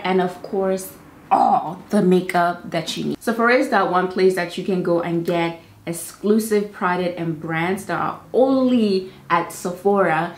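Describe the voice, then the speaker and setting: A young woman beauty vlogger chatting casually to camera about products in her home studio. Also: medium pitch. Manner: bubbly, chatty, fast asides. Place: home filming studio, indoors. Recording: roomy studio with faint ambience.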